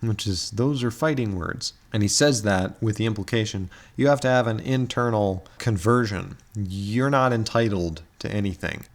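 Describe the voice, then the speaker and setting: A man's voice: lowish voice, normal speed, hardly any pauses. A man giving a conversational, reflective talk explaining scripture, with chuckles and fillers. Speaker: author and commentator.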